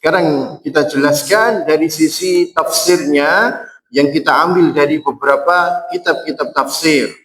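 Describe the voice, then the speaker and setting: Javanese-accented ustadz type guy teaching recitation, really slow, repeats words, echoey room. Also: on the high side, fairly bright tone, distant mic. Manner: drills recitation, repeating words slowly for the audience. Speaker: Islamic religious teacher. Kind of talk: Quran recitation lesson.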